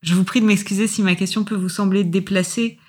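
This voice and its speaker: A woman's voice: medium pitch, fairly even intonation, brisk, darkish tone, husky, natural voice. A woman doing a hesitant, awkward party guest. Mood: hesitant, curious. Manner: hesitant, with many fillers.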